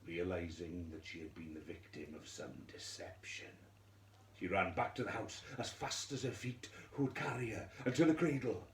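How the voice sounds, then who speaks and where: Telling a scripted fairy tale for children, a deep-voiced man performs theatrically, pacing his lines in measured phrases with dramatic pauses. There is some echo in the room and a faint background noise.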